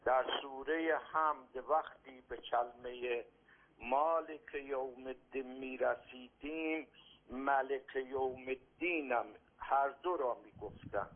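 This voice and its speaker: A man from Iran phoning a radio show, politely listing his numbered religious questions. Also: medium pitch. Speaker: caller. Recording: phone line on radio.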